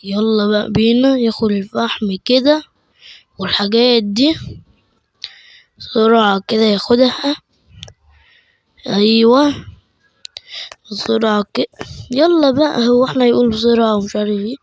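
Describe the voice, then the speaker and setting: A man with an Egyptian Arabic accent giving chatty let's play commentary, excitable and quick to burst into panicked repeated shouts. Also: very high voice, no echo, lo-fi sound. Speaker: gaming channel host.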